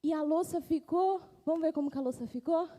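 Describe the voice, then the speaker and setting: Woman telling kids a story at church, high mellow voice, lots of hall echo. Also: fairly quick. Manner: animated, pointing things out. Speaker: children's teacher. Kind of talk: storytelling to children.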